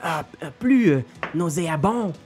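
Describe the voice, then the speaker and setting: Lively Quebec French game master. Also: mid-range voice, moderate pace, soft background music. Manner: playful, laughs often, sound effects. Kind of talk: narrating a tabletop game.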